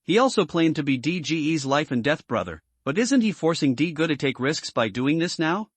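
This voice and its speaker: A calm young leader gently talks his companions down in a comic story recap, read by a man in his narrating voice. The tone stays fairly high and melodic, and the recording is dry and close. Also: moderate pace, husky, no room sound. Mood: soothing.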